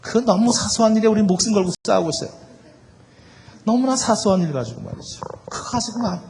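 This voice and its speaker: A man's voice: high-pitched, fast. Middle-aged man telling marriage stories. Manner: storytelling, acts out quoted dialogue. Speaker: lecturer on marriage. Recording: reverberant hall with faint noise.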